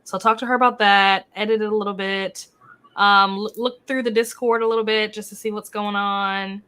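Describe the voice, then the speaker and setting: A woman's voice: mid-range voice, steady tone, moderate pace, bright, forceful tone, clean tone. A woman co-hosting a casual livestream, easygoing and giggly, telling things loosely with fillers. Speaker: livestream co-host.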